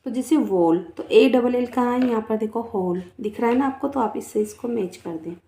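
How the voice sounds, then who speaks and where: A woman's voice: fairly high pitch, normal speed, warm tone, roomy sound, a little hiss or hum. A woman teacher giving a patient phonics lesson, spelling words letter by letter and asking a child to repeat after her. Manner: calls the pupil beta, asks them to repeat after her. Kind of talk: Hindi-language English phonics lesson.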